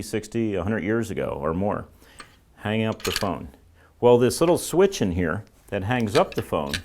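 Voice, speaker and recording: Male instructor, lowish voice, loose and chatty, lots of ums. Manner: relaxed, rambling, many fillers and restarts. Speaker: telecom instructor. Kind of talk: informal classroom lecture.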